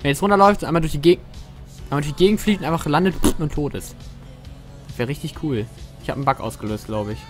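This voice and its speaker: A man's voice: fairly high pitch, fast talker, long pauses, music in the background. A man with a German accent giving casual, joking commentary while streaming a game, chatting with viewers and swearing freely. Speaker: gaming streamer. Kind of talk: casual let's-play commentary.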